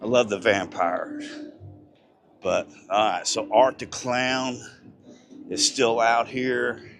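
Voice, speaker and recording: A man live-streaming as he walks through an outdoor theme park at night, excited and a little breathless, rambling and chatting with passersby on a handheld phone. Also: medium pitch, slow, creaky, background noise. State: slightly breathless. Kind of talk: casual walking live-stream chat.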